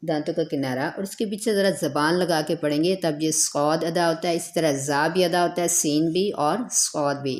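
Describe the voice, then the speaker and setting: Slow, careful woman teaching recitation. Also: fairly low pitch, a little mellow. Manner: repeats points, draws out letter sounds as models.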